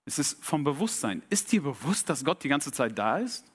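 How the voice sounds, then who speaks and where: A man preaching a sermon, reflective and intimate, often dropping to a soft low voice and asking the congregation direct questions. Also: very animated, normal speed, breathy edge.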